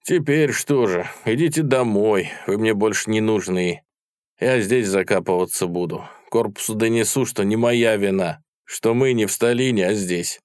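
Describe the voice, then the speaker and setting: A man's voice: on the low side, moderate pace, darkish tone, no room sound, studio quality, natural voice. A man reading aloud, voicing a triumphant colonel who mocks and reproaches a late officer. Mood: scornful. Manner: mocking, reproachful.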